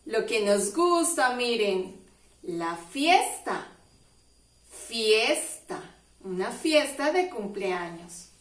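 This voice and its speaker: A woman's voice: medium pitch, reverberant, distant mic. A woman teaching young children to read, patiently drawing out syllables and asking them questions. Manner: slow, patient, drawn-out syllables, asks questions. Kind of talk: early reading lesson for children.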